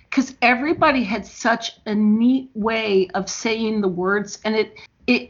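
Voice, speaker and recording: A middle-aged woman from Indiana, a guest author chatting casually and laughing often. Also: mid-range voice. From Indiana, USA. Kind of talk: casual podcast chat. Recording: dull lo-fi audio.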